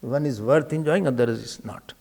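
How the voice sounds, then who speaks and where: A man's voice: mid-range voice, moderate pace, vocal fry, darkish tone. A man with an Indian accent giving a spiritual discourse, emphatic and repetitive, asking rhetorical questions and slipping in Hindi phrases. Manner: mixes Hindi phrases into English.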